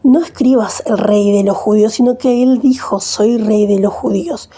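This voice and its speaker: A woman's voice: medium pitch, moderate pace, mellow, slightly rough, natural voice. A woman reading the accusing lines of a crowd of priests in her own plain voice. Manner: read plainly in the reader's own voice.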